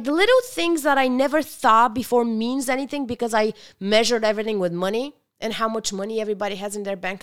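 A woman's voice: high-pitched, a bit bright. A woman from Bulgaria, talking as a guest in a casual interview, reflective and earnest, often restarting her sentences.

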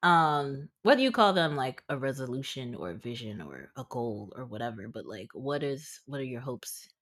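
A woman podcast co-host in casual chat, relaxed, laughing often and hesitating loosely as she asks questions. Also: rumbling low, moderate pace.

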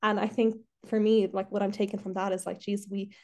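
A woman's voice: mid-range voice, flat delivery, a little fast, warm tone. A woman hosting a podcast, a trainee therapist, talking in a reflective, rambling way with many restarts. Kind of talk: casual podcast chat. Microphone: video call.

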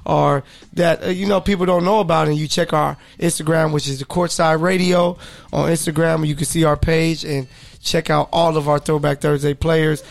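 A man's voice: a little high, fairly even intonation, moderate pace, gravelly, no room sound. A man hosting a casual sports podcast, joking loosely with lots of fillers. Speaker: podcast host.

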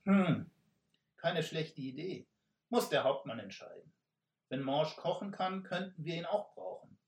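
A man's voice: fairly high pitch, unhurried, vocal fry, far from the mic, voice pushed up. A man voicing a sly male robber leader with flowery, ingratiating speech. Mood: musing. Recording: roomy echo.

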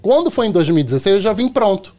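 A man's voice: sits high, big pitch swings, fast, darkish tone. A middle-aged man from Rio de Janeiro with a Carioca accent, a podcast guest telling chatty anecdotes and acting out the dialogue. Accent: Carioca Portuguese. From Rio de Janeiro, Brazil. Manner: chatty, tells anecdotes acting out quoted dialogue, often tags "entendeu?". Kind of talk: casual storytelling in a podcast chat.

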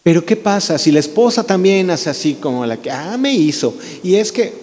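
A pastor preaching a sermon, who acts out quarrels between spouses and relatives in quoted voices. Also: male voice, high-pitched, expressive, normal speed, darkish tone, in a large hall.

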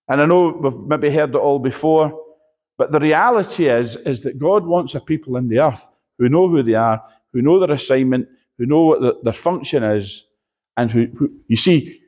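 A man's voice: medium pitch, darkish tone. A man preaching a sermon, emphatic and repetitive, often asking his listeners for an amen. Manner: emphatic, repetitive, calls for amens.

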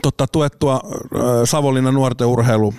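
Tell it as a man hosting a casual talk show, animated and full of impressions, with a slightly sore throat. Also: medium pitch, clean tone, studio quality. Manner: animated, mimics voices and echoes in his stories. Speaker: podcast host. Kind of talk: casual chat, storytelling. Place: studio.

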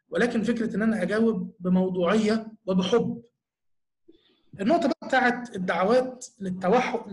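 A man with an Egyptian accent, a church teacher answering questions in an earnest, explanatory way, full of rhetorical questions. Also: high voice. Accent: Egyptian Arabic. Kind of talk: answering audience questions in a talk.

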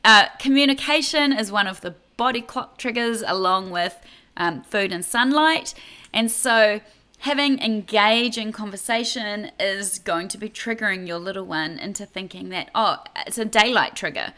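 Bright-voiced chatty woman. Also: mid-range voice, normal speed. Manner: chatty, many restarts, laughs lightly. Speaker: podcast co-host. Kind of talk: casual advice chat.

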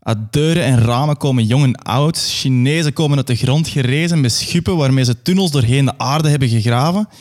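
A man's voice: medium pitch, brisk, hardly any pauses, darkish tone. A young man performing a grandiose, absurdist dramatic monologue.

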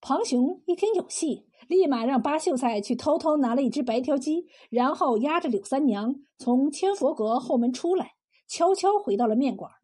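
A woman narrates a folk tale in a measured, expressive storytelling manner. Her voice sits high but has a mellow, warm tone. She keeps a steady, engaging telling pace.

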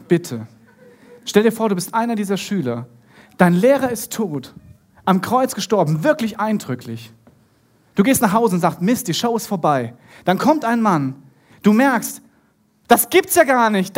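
A preacher retelling a Bible story in a lively sermon, acting out the characters and speaking straight to the listener. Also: mid-range voice. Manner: animated, acts out the characters and talks straight to the listener.

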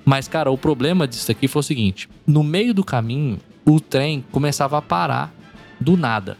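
A man telling a travel story in an expressive, casual way, hosting the chat. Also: on the high side, moderate pace, gravelly, soft background music.

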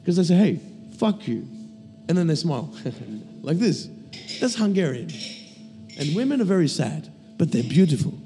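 A man hosting a loose chat, his voice lively and bouncing around in pitch. He jokes crudely and keeps asking questions. The sound carries a long reverb with faint music underneath. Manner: animated, crude joking, quick questions. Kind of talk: casual banter.

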